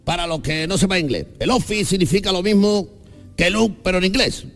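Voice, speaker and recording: Male comic, rambling storyteller, chuckles through his jokes; a bit high-pitched, long reverb around him. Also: lively intonation, fairly quick, soft background music. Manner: jokey, rambling, laughs at his own jokes. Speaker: comedian guest. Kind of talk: comic storytelling on a radio show.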